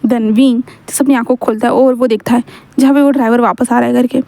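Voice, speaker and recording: A woman's voice: a little high, steady tone, quick pace, creaky, warm tone, no echo. A woman narrating a fan fiction story in a chatty, casual way, voicing the characters' lines in her own voice. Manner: chatty, mixes English words into Hindi, acts out lines plainly.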